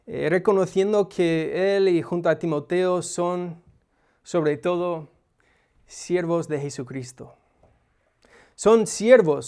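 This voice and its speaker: A preacher with a high, smooth, resonant voice. He explains his text in a conversational way and often pauses on small hesitations. The delivery is relaxed and teaching rather than forceful. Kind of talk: expository sermon.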